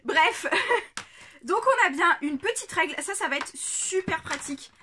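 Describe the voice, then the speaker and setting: Bright, high-voiced chatty woman vlogger. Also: lively intonation, measured pace, slight background noise. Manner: chatty, giggly, many fillers. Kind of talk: casual unboxing chat. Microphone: camera on a tripod.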